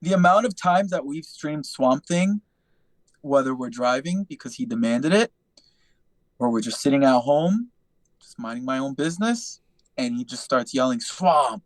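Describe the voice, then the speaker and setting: Young dude hosting a podcast, swears constantly, tells animated stories, dry close mic. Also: male voice, mid-range voice, normal speed, no echo. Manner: profane, animated storytelling. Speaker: podcast host. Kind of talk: casual podcast chat.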